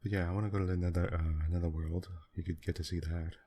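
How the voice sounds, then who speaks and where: A man quietly talking through a computer game in a soft-spoken ASMR style, musing aloud at an unhurried pace with many pauses. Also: deep voice, flat delivery, a little hiss or hum. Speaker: gaming channel host.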